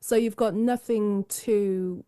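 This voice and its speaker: Woman podcast host, mid-pitched, warm, dry close sound, musing delivery. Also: fairly even intonation, slow pace, clean tone, no room sound. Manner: musing, many fillers and restarts. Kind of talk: podcast interview.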